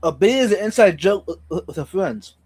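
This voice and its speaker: A man chatting casually as a live stream co-host, halting and repeating words, his speech slightly impeded by a sore on his tongue. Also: high-pitched, animated, a little mellow, slightly rough, no room sound.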